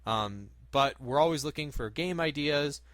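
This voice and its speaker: A man hosts a casual gaming podcast with a bright, forward voice at an ordinary male pitch. The sound is dry and close, with no room around it. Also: lively intonation, normal speed, no room sound. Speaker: podcast host.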